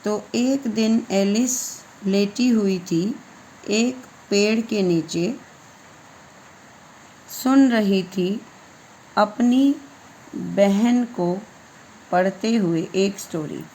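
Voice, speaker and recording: A woman's voice: medium pitch, drawn-out words, long pauses, warm tone, slight background noise, rough recording. A woman teaching English reading, spelling each word letter by letter and then giving its meaning. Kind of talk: slow spelling-out reading lesson.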